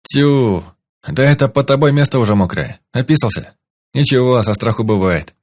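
A man's voice: mid-range voice, expressive, moderate pace, darkish tone, pitched above the performer's own voice, close to an everyday voice. A man voicing a young gang thug who mocks a captive with cheeky banter, in a raised voice. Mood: mocking.

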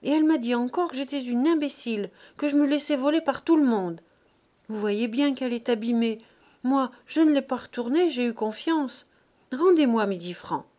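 A woman reading an audiobook and voicing a timid young maid, high and strained as if close to tears. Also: moderate pace, dark tone, natural voice. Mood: tearful. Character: tearful timid young maid, shrill and whiny.

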